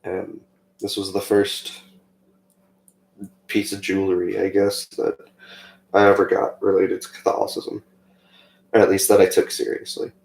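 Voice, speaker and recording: A young man telling a personal story in a casual, chatty way, rambling with fillers and turning animated when he quotes himself. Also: low voice, a little slow, gravelly, pauses often. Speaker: co-host of a faith channel. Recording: echoey room.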